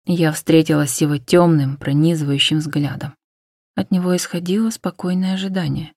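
Hushed, intimate woman narrator, low-voiced. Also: no room sound, studio quality. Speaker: audiobook narrator. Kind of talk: first-person scripted narration.

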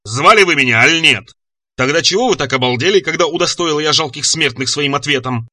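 A man voicing a huge, boastful scaly monster that roars its lines slowly and menacingly. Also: fairly high pitch, no echo. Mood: roaring. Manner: roaring, loud, slow and menacing.

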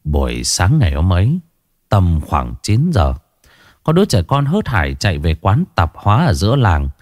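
A man's voice: deep voice, wildly swooping pitch, normal speed, darkish tone, no echo, studio quality. A man narrating a ghost story in a dramatic storytelling manner.

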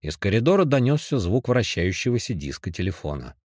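A man reading a detective audiobook in an expressive, varied narration. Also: lowish voice, fairly quick, no room sound, studio quality.

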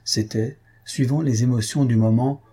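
A man narrating a classic novel as an audiobook in a measured, steady reading. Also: medium pitch, slightly rough.

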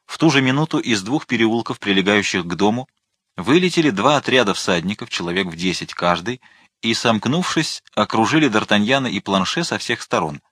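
A man narrating an adventure novel as an audiobook, reading in an expressive, dramatic way. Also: fairly low pitch, a little fast, no echo. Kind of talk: scripted narration. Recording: dry close studio.

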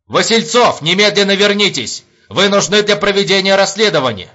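A man's voice: mid-range voice, moderate pace, sharp tone, breathy edge, highs cut off. A man voicing a furious, foul-mouthed army major who barks orders in an audiobook. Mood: angry. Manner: barking, commanding.

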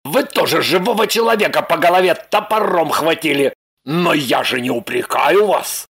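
Man voicing a husky bossy fugitive. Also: fairly high pitch, normal speed, a bit bright. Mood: insistent, bossy. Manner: blunt, insistent and bossy. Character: pushy demanding man on the run. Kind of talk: audiobook character voice.

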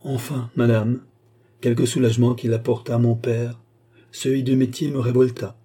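A man's voice: mid-range voice, level tone, moderate pace, mellow, husky, natural voice. A man reading the part of a young woman of fallen noble birth, telling her grim childhood in an earnest, grave, plaintive way for an audiobook. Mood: sorrowful.

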